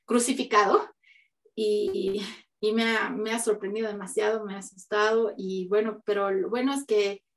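A woman's voice: mid-range voice, fairly even intonation, normal speed, creaky. A young woman presenting her artwork on a video call, hesitant, with many fillers and restarts. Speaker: exhibiting artist. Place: home room. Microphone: video call, camera a few feet away.

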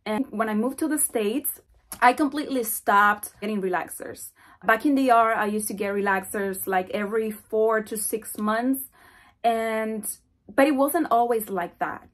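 A chatty young hair vlogger from the Dominican Republic does a casual Q&A from her bedroom, with the camera framed close. Her voice is fairly high and unhurried, and she's animated, gesturing as she talks.

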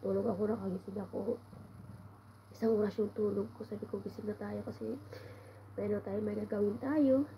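A woman's voice: medium pitch, steady tone, a little fast, long pauses, mellow, slight background noise, rough recording. A woman with a cold-congested voice tells a rambling, casual story at home, sighing often as she complains. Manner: meandering, with frequent sighs of complaint. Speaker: vlogger.

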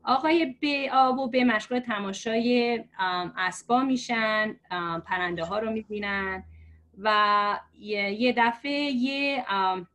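Woman, teacher, fairly high voice, patient, explains slowly, many pauses and fillers. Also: fairly bright tone. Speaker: religious script teacher. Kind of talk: storytelling lesson for learners.

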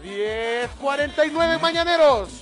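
A man's voice: very high voice, animated, unhurried, music in the background. A man hosting a live morning TV show, jovial and exclaiming as he sends greetings to viewers. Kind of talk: lively studio banter. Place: TV studio kitchen set.

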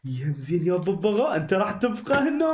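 A man with an Iraqi accent voicing an excitable young male hero in an animated game movie, talking breathlessly to himself. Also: high voice. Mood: excited. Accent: Iraqi Arabic. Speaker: voice actor and channel host. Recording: echoey room with background music.

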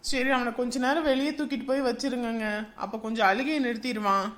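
A woman playing a defensive young mother and daughter-in-law in a family drama, firing back quick retorts. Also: on the high side, steady tone, very noisy, natural voice.

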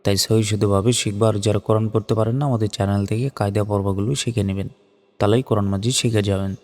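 A man teaching Quran pronunciation, spelling out letters and vowel marks, then reciting the Arabic slowly and drawn out. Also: fairly low pitch, little pitch movement, darkish tone. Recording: long hall reverb.

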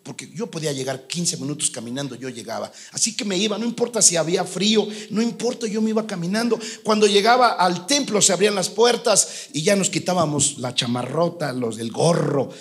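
High-voiced earnest pastor preaching. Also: male voice, expressive, brisk, hardly any pauses. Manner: earnest, storytelling preacher swinging from soft to loud. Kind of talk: sermon.

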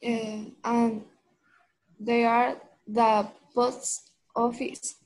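Hesitant woman student speaking very slowly. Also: fairly high pitch, level tone, slightly rough, rough recording. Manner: hesitant, slow answers with pauses and fillers. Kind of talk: answering in an online English class. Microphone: video call.

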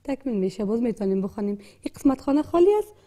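A woman's voice: fairly high pitch, animated, mellow. A woman with an Afghan Dari accent teaching a literacy lesson, patiently repeating and spelling out words with frequent hesitations. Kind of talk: classroom lesson.

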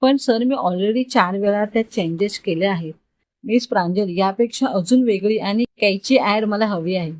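A woman's voice: mid-range voice, moderate pace, darkish tone, dry recording, natural voice. A woman storyteller voicing a strict, curt young male office boss in a dry, close recording. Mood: stern. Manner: curt, scolding.

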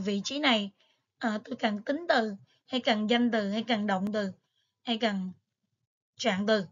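A woman's voice: fairly high pitch, a bit bright, highs cut off. A woman teacher, patiently going over exam material step by step with frequent fillers. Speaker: English teacher. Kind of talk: exam review lesson.

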